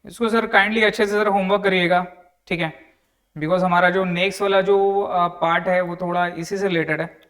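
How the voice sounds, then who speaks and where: A man's voice: high voice, steady tone, normal speed, fairly bright tone. A young male tutor, giving an online lecture that works through a problem step by step, talking conversationally and repeating each figure. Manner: conversational, addresses students as "sir", repeats figures. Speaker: tax tutor.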